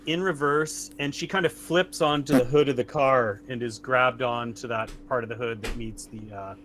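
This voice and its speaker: A man running a tabletop horror game as game master, narrating in a casual, halting way. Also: mid-range voice, a bit bright, a little hiss or hum.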